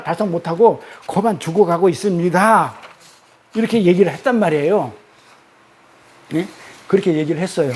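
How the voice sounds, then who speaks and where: A man's voice: sits high, a little mellow. A man leading a Bible study lecture, pressing his listeners with constant rhetorical questions and repeating key words for emphasis. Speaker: Bible teacher.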